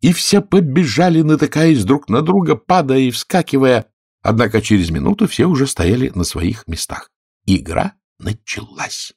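A man's voice: medium pitch, moderate pace, vocal fry, breathy edge, dry recording, studio quality. A man reading a fairy tale as an audiobook narrator, telling it expressively. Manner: expressive, lively storytelling. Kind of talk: scripted storybook narration.

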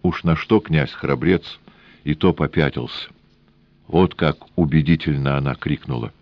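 A man reading an audiobook in a measured, even storytelling manner. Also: extremely low pitch, dry recording, highs cut off. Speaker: audiobook reader. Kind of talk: scripted audiobook narration.

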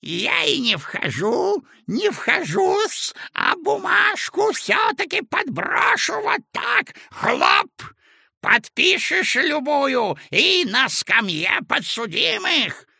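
A man's voice: very high-pitched, wildly swooping pitch, slow, creaky, pushed and bright, no echo, clean studio sound, pitched above the performer's own voice, heavily acted. A man voicing a toothless old man in a cape who preaches in a lisping mumble. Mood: shrill preaching.

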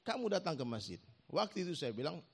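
A man delivering a storytelling sermon about his own past, acting out the voices of the people in his story and joking with the congregation. His voice sits a little high for a man and swings widely in pitch, so the telling sounds lively and animated. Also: fast talker, gravelly, breathy edge. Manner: animated, acts out dialogue, joking with the audience. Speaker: preacher giving a personal testimony.

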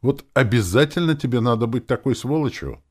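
A man voicing a snarky, sharp-tongued young female demon in an audiobook, grumbling and sarcastic. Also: medium pitch, lively intonation, a little fast, pitched above the performer's own voice, natural voice. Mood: indignant. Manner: sarcastic, grumpy, shrieks when upset. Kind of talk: audiobook character voice.

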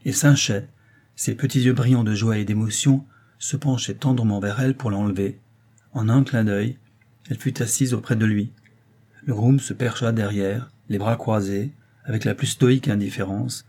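Husky, mellow male audiobook narrator. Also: fairly low pitch, steady tone, moderate pace. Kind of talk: scripted narration.

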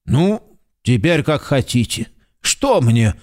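Tipsy evasive servant, radio drama, male actor; mid-pitched, slow repetitive drawl. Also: big pitch swings, darkish tone. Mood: defiant. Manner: slow, droning drawl with repeated "he says". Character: stubborn, tipsy manservant, sly and evasive.

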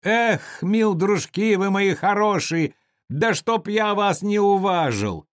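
A man's voice: high voice, expressive, takes it slowly, no echo, studio quality, pitched above the performer's own voice. A man voicing a drunk, clowning middle-aged peasant who talks in a boisterous, slurring way. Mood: drunk merry.

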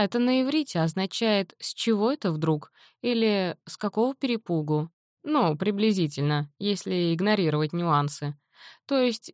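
A woman's voice: lowish voice, no echo, clean studio sound, close to an everyday voice. A woman voicing a cheeky, talkative teenage boy who teases and explains things at length, in a storybook reading. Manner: chatty, teasing, lively explaining.

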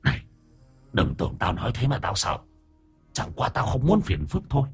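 A man's voice: mid-range voice, very animated, moderate pace, slightly rough, faint music behind, exaggerated voice. A man voicing a spiteful centuries-old female river ghost in a sneering, menacing way, for a spoken horror story. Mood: threatening.

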